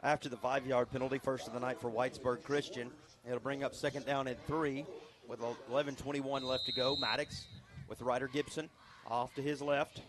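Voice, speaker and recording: A man calling a local high school football game on the radio, getting excited on big plays. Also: a little fast. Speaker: play-by-play announcer. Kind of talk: local radio sports commentary.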